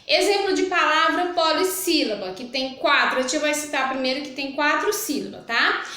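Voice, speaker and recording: A woman's voice: sits high, normal speed, sharp tone. A middle-aged Brazilian woman teaching young children, explaining patiently and checking in after each point. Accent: Brazilian Portuguese. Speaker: primary school teacher. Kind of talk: recorded remote lesson. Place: room with a whiteboard. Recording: very echoey room.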